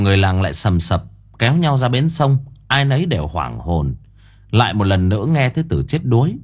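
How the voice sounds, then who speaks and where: A man narrating an audiobook in a dramatic, expressive storytelling manner. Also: on the low side, husky.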